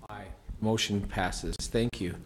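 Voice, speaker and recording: Low-voiced man chairing a meeting. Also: steady tone, a little hiss or hum. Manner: procedural, halting with fillers. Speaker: commission chair.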